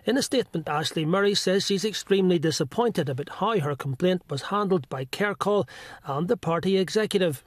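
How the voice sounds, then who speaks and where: A man's voice: high voice, a little fast, no room sound, studio quality. A man narrating a scripted political news report.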